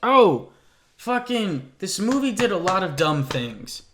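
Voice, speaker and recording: A young man co-hosting a casual movie review chat, animated and rambling, swearing freely. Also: high-pitched, takes it slowly, a little hiss or hum. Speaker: co-host.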